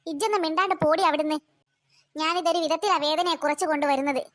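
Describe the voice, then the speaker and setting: A woman's voice: sits high, fairly even intonation, fast talker, no echo, close to an everyday voice. A woman voicing a fussy, stubborn old woman with a toothache in a cartoon. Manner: whiny, moaning, stubborn. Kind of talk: cartoon voice acting.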